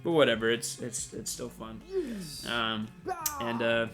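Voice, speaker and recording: A man's voice: medium pitch, fairly even intonation, measured pace, music in the background. A man rambling through a casual director's commentary, full of fillers and restarts. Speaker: video creator giving a director's commentary. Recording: talk over loud video sound with crowd noise.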